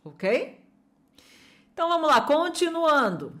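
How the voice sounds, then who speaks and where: A woman's voice: sits high, big pitch swings, takes it slowly, fairly bright tone. A woman with a Brazilian Portuguese accent teaching an online English lesson, drilling phrases and coaxing viewers to repeat aloud.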